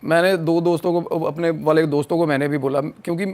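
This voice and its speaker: Podcast guest, young man from Punjab, animated storyteller who voices his friends' lines. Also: on the high side, brisk. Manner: animated, acts out friends' quotes. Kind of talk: casual storytelling chat.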